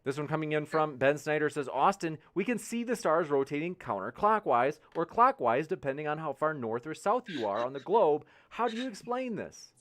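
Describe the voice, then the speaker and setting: A man's voice: on the high side, sing-song, moderate pace, few pauses. Upbeat man moderating a debate stream. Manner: upbeat, chatty, hypes upcoming events. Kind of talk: reading live chat questions.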